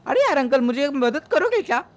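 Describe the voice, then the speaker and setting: A woman's voice: high voice, big pitch swings, a little fast. Woman doing a cheeky little boy. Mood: teasing. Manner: cheeky, carefree. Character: cheeky little five-year-old boy. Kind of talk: game role-play voice acting.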